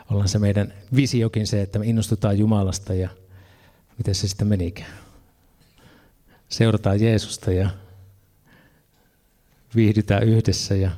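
A man's voice: lowish voice, warm tone. A man preaching a sermon, earnest, reading scripture passages and adding casual asides.

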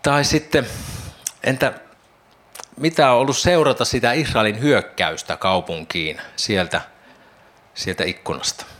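A man's voice: mid-range voice, a bit bright. A man preaching a devotional Bible teaching, reflective, imagining the scene aloud and posing questions to his listeners.

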